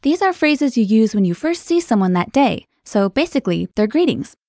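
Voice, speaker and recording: A woman co-hosting a scripted language lesson podcast, explaining clearly and brightly. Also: a little high, very animated, normal speed, no echo, studio quality.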